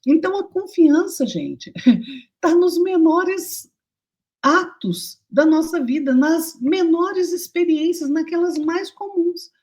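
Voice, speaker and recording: A woman co-hosting a Spiritist program, talking in a high, bright register. Her pitch swoops widely as she explains ideas and speaks straight to the audience with homely examples. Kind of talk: conversational teaching talk.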